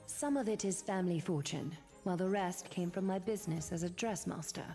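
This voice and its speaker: A woman playing a stern, elegant noblewoman dressmaker in a video game, speaking in a measured, solemn way. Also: lowish voice, warm tone, in a large hall, soft background music, close to an everyday voice.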